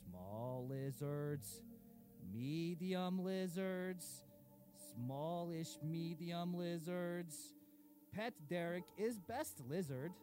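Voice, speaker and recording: A man doing a slow, pompous dark lord. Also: a little high. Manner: broken grammar, slow and boastful, pompous. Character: cruel pompous dark lord king writing his diary. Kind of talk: comedic audio sketch.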